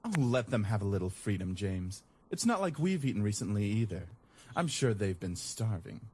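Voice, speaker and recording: A man voicing a calm, easygoing young man who teases gently, in amateur voice acting. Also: lowish voice, moderate pace, slight background noise.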